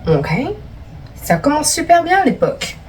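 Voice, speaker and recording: A woman's voice: high voice, sing-song, moderate pace, slight background noise. Playful young woman reacting from a distance. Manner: playful, teasing, talks back to the stories. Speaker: vlogger reading viewer stories. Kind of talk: casual reaction chat.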